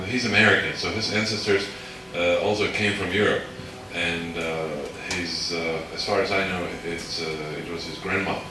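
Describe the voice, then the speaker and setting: A man from Slovakia, giving a university lecture and explaining step by step while checking in with his listeners. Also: low voice. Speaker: guest lecturer. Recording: echoey hall, distant mic, background noise.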